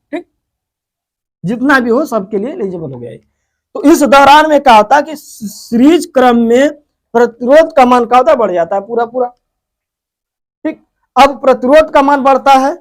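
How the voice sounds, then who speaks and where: A man teaching a physics lesson, who keeps asking questions and answering them himself as he explains step by step. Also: very high-pitched. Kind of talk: whiteboard lesson.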